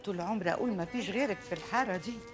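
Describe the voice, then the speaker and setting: An actress playing an older, meddling aunt with an Egyptian accent, who talks fast and scolds loudly in a TV drama. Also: female voice, medium pitch, over music, close to an everyday voice. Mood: lamenting, gossiping. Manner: scolding, fast, shouting in quarrels. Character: grieving, meddling aunt, loud and quick-tempered.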